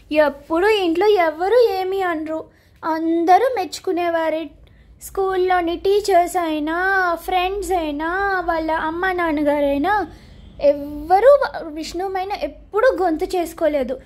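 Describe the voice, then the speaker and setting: A woman narrating a children's story in an unhurried, gentle way. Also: very high voice.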